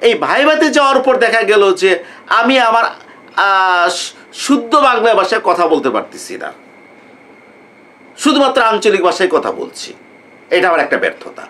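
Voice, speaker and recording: Guy from bangladesh lecturing students, high voice that jumps around a lot, keeps pausing on "what" before the word. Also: very animated, sharp tone. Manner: repetitive, rhetorical, fills pauses with a questioning "what". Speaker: economics lecturer.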